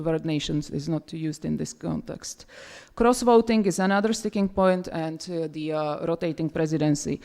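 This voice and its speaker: A woman from Czechoslovakia speaking English at a roundtable discussion, pausing often with fillers and restarting her sentences. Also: low voice, darkish tone. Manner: hesitant, many fillers and restarts. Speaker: roundtable panelist. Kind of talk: conference panel remarks. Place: university seminar room.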